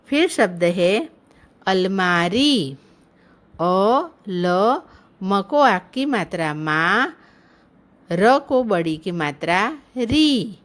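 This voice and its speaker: Female primary teacher, unhurried to the extreme, stretches each syllable for young pupils. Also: mid-range voice. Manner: drawn-out, careful syllable-by-syllable pronunciation; gentle explaining tone addressing children. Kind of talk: slow online Hindi lesson for children.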